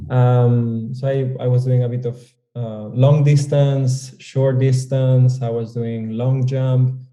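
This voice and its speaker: A man from Argentina, a Spanish speaker, talking as a yoga teacher guest in a relaxed, thoughtful way. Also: mid-range voice, highs cut off. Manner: relaxed, thoughtful, with fillers and some restarts. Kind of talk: casual interview. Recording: echoey room.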